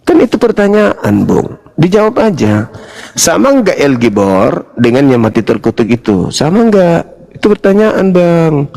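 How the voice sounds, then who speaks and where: A man hosting a live stream in a mocking, teasing tone, with a voice that sits a little high. His pitch swings widely as he laughs and keeps pressing the same question. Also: very animated, unhurried, gravelly, darkish tone. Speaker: host of a live debate stream.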